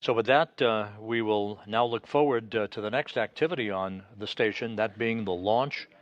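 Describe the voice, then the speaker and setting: A man giving live broadcast commentary as a mission control announcer, in a measured, official manner with hesitant pauses. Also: lowish voice. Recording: dull, band-limited broadcast audio.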